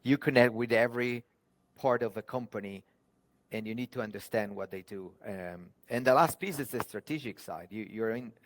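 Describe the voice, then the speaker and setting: An Argentine HR professional appears as a podcast guest, speaking earnestly about his working life in a conversational interview. His voice is fairly low and the recording has no echo.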